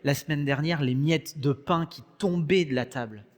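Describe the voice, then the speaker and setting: Speaking at normal speed in a fairly high voice, a young French-accented man delivers a sermon in a church hall. He keeps it conversational with jokes on the side, and the recording carries a long church echo.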